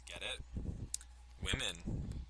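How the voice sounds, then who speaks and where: Loud background music nearly swamps this man's low-pitched voice as he narrates a visual novel for a let's play. He draws out his words and keeps things casual, drifting into crude, jokey asides.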